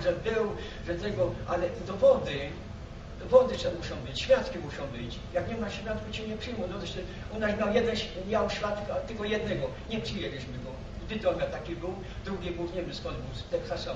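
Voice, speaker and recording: An old man from Poland with a high-pitched voice recalls his past as a veteran. He rambles haltingly, circling back over his phrases. The recording is muffled and clearly noisy. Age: elderly, 80s or older. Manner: old man's halting, repetitive storytelling with broken-off words. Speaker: war veteran interviewee. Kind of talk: rambling spoken reminiscence. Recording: roomy, muffled, noisy, distant microphone.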